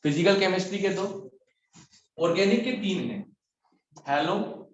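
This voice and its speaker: A man's voice: high voice, measured pace. Joking man teaching chemistry, echoey room. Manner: chatty, teasing, mixes English into Hindi. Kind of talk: joking classroom lecture. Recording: echoey room, dull lo-fi sound.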